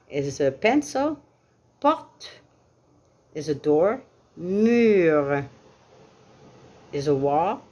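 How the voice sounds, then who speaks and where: A woman teaching French vocabulary as a lesson, repeating each word deliberately and giving English glosses. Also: fairly low pitch, darkish tone, highs cut off. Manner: slow, deliberate repetition of words for learners. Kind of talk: classroom lesson.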